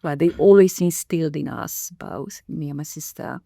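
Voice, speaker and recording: Middle-aged woman from Romania, podcast guest, gravelly fry, dry close sound, thoughtful and unhurried. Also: low voice, expressive, dark tone, dry recording. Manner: measured, thoughtful, many pauses and fillers. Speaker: guest, council director. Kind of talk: podcast interview.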